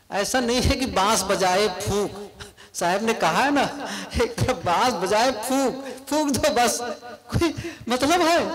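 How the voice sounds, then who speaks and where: High, lively-voiced male preacher, slow delivery. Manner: slow, questioning, with rhetorical asides to the audience. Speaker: spiritual preacher. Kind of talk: devotional sermon to a live gathering. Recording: crowd noise from a live gathering.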